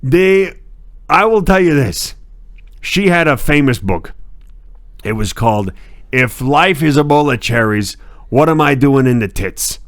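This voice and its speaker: A man co-hosting a comedy stream, telling rambling absurd stories in a deadpan way. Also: medium pitch, a little slow, long pauses, no room sound, clean studio sound. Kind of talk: improvised comedy banter.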